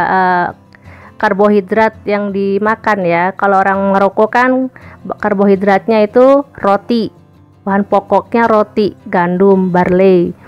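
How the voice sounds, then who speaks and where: A woman from Indonesia chatting casually to camera as a vlogger, addressing viewers as guys and filling pauses with little hesitations. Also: mid-range voice. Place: home in Morocco.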